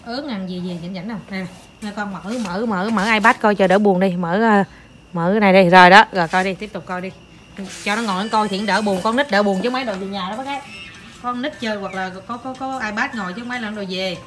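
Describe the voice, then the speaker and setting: A mother chatting with her small child in a home vlog, animated and coaxing, with English words mixed into her talk. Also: medium pitch, brisk, background noise. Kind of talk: casual home vlog chat.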